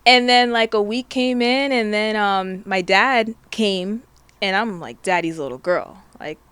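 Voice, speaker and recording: A woman's voice: medium pitch, unhurried, a bit bright, smooth, dry recording. A woman guest in a casual interview, telling a personal story animatedly and acting out her family's voices.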